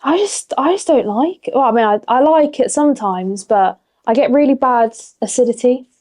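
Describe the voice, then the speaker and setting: Brief: woman, twenties, soft mellow tone, easy chatty guest who laughs a lot. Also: on the high side, expressive, normal speed. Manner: giggly, friendly, chatty. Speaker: podcast guest, archer. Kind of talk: casual chat.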